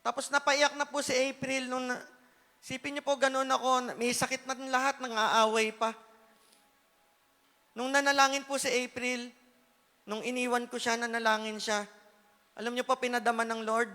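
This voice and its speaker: A man gives an emotional church testimony in a very high, bright and forceful voice. He is earnest, shifting between loud pleading and quiet asides. The sound carries a long reverb, as in a church hall. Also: level tone, moderate pace, pauses often. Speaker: church speaker giving testimony.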